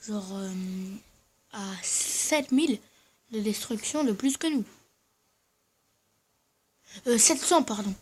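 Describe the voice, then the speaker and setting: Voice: mid-range voice, slightly rough. A speaker with braces slightly affecting their speech, giving casual, hesitant gameplay commentary and often correcting themselves. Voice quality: slurred, slightly odd speech from wearing dental braces. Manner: hesitant, halting, self-correcting. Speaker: gaming video host.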